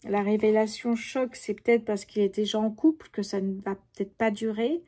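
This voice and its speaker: A woman's voice: mid-range voice, normal speed, mellow. A middle-aged woman, chatting casually to viewers during a tarot reading, full of fillers and asides. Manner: chatty, addresses viewers directly, many fillers. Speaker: tarot reader.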